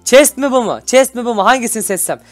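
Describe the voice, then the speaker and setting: A man's voice: extremely high pitch, quick pace, loud music behind the voice. A young man hosting a casual Minecraft gameplay video, teasing and bossing his playmate, laughing often and turning to talk to his viewers. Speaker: gaming channel host.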